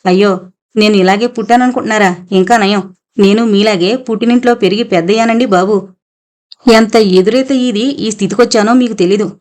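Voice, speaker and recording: A woman's voice: mid-range voice, fairly even intonation, brisk, a little mellow, natural voice. A woman voicing a composed, educated young woman who soothes and urges a neighbor to be brave. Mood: soothing. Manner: soothing yet firm.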